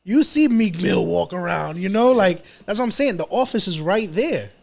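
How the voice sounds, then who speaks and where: A rapper from New York City, with a New York accent and a high-pitched, gravelly, animated voice, chats as an interview guest in an apartment. He tells stories at a moderate pace in casual, slangy, repetitive phrasing.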